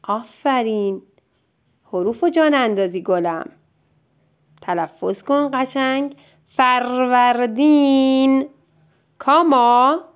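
A woman teacher, dictating sentences word by word to a child and gently encouraging them. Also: fairly high pitch, animated. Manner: drawn-out syllable-by-syllable dictation. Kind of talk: slow dictation lesson for a child.

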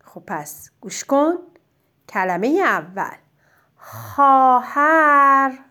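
A woman teaching a child spelling, dictating words slowly and clearly and praising their answers. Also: fairly high pitch, animated. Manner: slow, drawn-out dictation of single words; gentle, encouraging teacher talk.

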